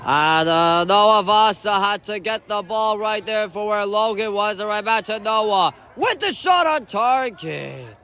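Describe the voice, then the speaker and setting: A man giving excitable sideline commentary on a youth soccer match, groaning and shouting as plays unfold. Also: high voice, unhurried, hardly any pauses, a little hiss or hum. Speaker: amateur commentator.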